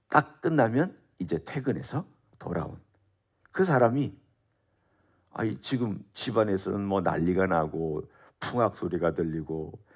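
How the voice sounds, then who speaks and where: A middle-aged male pastor giving an expository Bible sermon at a dawn prayer service, talking conversationally and asking his listeners questions. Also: lowish voice. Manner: conversational preaching with rhetorical questions.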